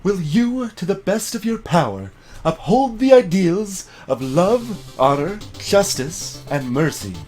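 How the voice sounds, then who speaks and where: A solemn, ceremonial priestess from a video game, acted out by a man. The voice is raised and swings grandly through stately, drawn-out proclamations. Faint music plays underneath. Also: sits high, very animated, a little mellow, voice pushed up, exaggerated voice.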